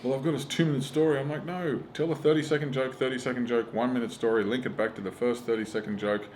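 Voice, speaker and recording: A middle-aged Australian stand-up comedian chats casually in a medium-pitched, slightly mellow voice, talking fast with fairly even intonation. He swears freely and tells emphatic stories, acting out quotes. A little hiss or hum sits under the audio.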